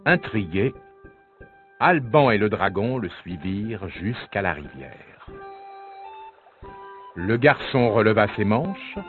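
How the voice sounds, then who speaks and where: Male storybook narrator, slow and expressive, tinny sound. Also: fairly low pitch. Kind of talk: storybook read-aloud. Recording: tinny phone-like sound, faint music.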